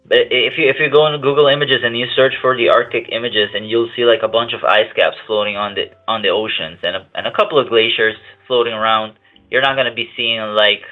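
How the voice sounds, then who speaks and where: A man calls in on a speakerphone, his voice set a bit low and squeezed thin by the phone line. He talks in a halting, casual way, stopping to restart and repeating words as he goes. Faint music plays under the call. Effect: on speakerphone over a phone line. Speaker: caller.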